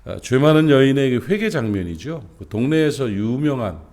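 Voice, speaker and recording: A man's voice: mid-range voice, very animated, normal speed, darkish tone. A middle-aged man, a senior pastor, preaching a dawn service sermon in a conversational way, with rhetorical questions and many fillers, rising to emphasis on his main points.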